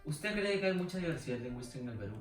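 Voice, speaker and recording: Fast-talking male interviewer, echoey. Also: on the high side, big pitch swings, recorded from a distance, soft background music. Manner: brisk, scripted questions. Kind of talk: reading interview questions.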